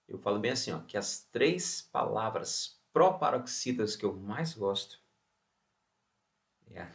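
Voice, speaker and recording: A Brazilian man teaching an online science lesson, asking rhetorical questions and then answering them himself. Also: lowish voice. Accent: Brazilian Portuguese. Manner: opens with a Bible verse and blessing.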